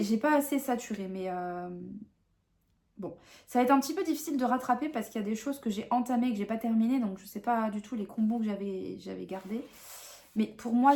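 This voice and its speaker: A woman's voice: medium pitch, darkish tone. A young adult woman chatting casually to camera about her coloring books, talking with frequent fillers and restarts.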